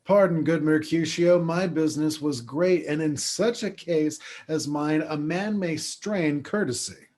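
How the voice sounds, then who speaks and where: A man playing a lovesick, quick-witted young nobleman, trading banter in verse. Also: fairly high pitch, darkish tone. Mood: playful. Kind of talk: Shakespeare stage reading.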